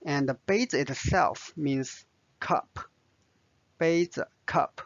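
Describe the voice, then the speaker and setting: Slow patient man teaching Chinese words. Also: fairly high pitch, dry recording, lo-fi sound. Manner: patient, spells out each word and tone. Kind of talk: slow vocabulary lesson.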